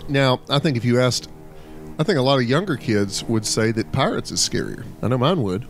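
A man's voice: mid-range voice, animated, a little fast, soft background music. A man hosting a casual podcast chat, leading the discussion and laughing often. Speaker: podcast host.

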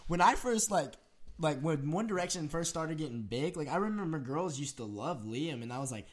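A man's voice: on the high side, animated, normal speed. Hesitant young man on a podcast. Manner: hesitant, many restarts and fillers. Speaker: podcast co-host. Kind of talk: casual chat.

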